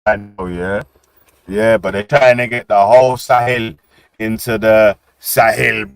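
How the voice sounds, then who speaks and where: A male livestream host with a London roadman accent talks casually and slangily in a lowish voice. His delivery is slow and loose, full of repeated tag questions as he chats to his stream outdoors. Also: fairly even intonation, smooth, dry recording, clean studio sound. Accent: London, street roadman style. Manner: slangy, repetitive, punctuated with "yeah?" and "innit". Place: outdoors on city streets while streaming.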